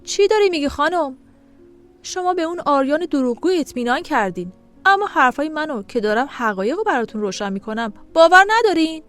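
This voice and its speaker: A woman's voice: high-pitched, very animated, soft background music, voice pushed up. Woman voicing a blunt man on the phone. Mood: scolding. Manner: firm, pressing. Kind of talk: audio story narration.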